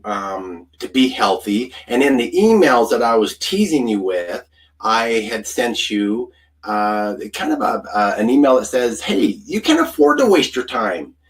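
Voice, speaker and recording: A man's voice: medium pitch, far from the mic. A man, a food scientist, giving a live online presentation in an earnest, storytelling way with frequent ums and uhs.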